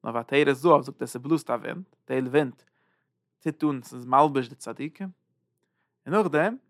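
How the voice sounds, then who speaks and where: A man teaching a Zohar lesson, halting and repeating words, swinging between loud and soft. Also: mid-range voice, no room sound, studio quality. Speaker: Torah teacher.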